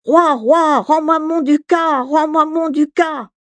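A woman voicing a small, plucky, stubborn cockerel in a high, insistent sing-song chant. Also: animated, slow pace, no echo, heavily acted.

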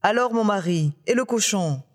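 A storyteller voicing an excitable tiger wife who exclaims in a shrill, much higher voice. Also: normal speed, big-room sound, close to an everyday voice. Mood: alarmed.

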